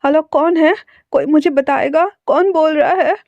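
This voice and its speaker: A woman's voice: high-pitched, a little slow, no echo, voice pushed up. A woman voicing a frightened, tearful young man who stammers and begs, in a storybook reading. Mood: scared, pleading. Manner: stammering, begging. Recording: dull lo-fi dry recording.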